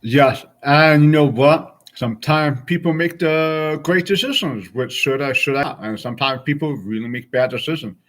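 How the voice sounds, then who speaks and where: A man's voice: on the high side, moderate pace, a bit bright. A man of forty chatting casually and frankly with his stream viewers, rambling from thought to thought. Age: 40s.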